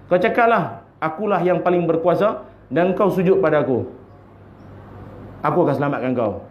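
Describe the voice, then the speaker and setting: A man's voice: a little high, moderate pace, lightly acted. A man voicing a sly male devil who taunts and shrugs off blame, in an echoey, dull lo-fi recording. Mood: scheming. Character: sly male devil mocking his victim. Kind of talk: acted quote in a sermon.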